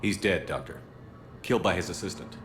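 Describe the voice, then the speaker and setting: A man's voice: sits low, a little fast, fairly bright tone, a little hiss or hum. An actor playing a determined male military commander in a science fiction game, direct and businesslike. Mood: firm, pressing. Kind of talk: video game voice acting. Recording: echoey game scene with music behind.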